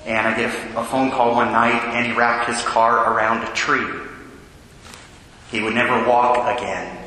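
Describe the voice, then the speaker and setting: An American man, a priest, reading the Gospel and preaching a homily in a solemn, measured way with deliberate pauses, his voice echoing like in a cathedral. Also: medium pitch, flat delivery, sharp tone. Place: large reverberant church. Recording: echoing cathedral-like reverb, faint noise.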